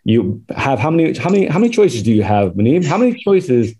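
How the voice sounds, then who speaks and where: A man's voice: medium pitch, very animated, brisk, dark tone, breathy edge. A man in his forties from Southern California, a podcast guest telling his life story in a chatty, rambling way that is full of laughs. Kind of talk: casual life-story interview.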